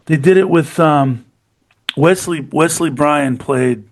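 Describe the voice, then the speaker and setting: A middle-aged man co-hosts a podcast, talking about golf in a casual, enthusiastic way and often saying "you know what I mean." His voice is fairly high-pitched and his pace is slow.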